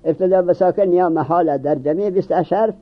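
A man giving a classroom grammar lesson, often asking questions and answering them himself. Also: high-pitched. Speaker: seminary teacher. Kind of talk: classroom lecture on Arabic grammar. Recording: dull lo-fi recording.

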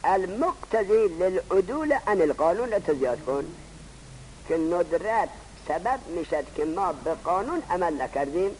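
A man teaching a grammar lesson, posing rhetorical questions and answering them himself in a slow, drawn-out teaching cadence. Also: sits high, sing-song, darkish tone, a little hiss or hum, low-quality recording. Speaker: seminary teacher. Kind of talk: classroom lecture on Arabic grammar.

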